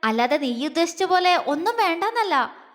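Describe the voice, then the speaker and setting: A woman's voice: very high voice, sing-song, normal speed, big-room sound, voice pushed up. A woman voicing a tender young husband. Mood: flustered. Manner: soft, coaxing, affectionate, stammering when embarrassed.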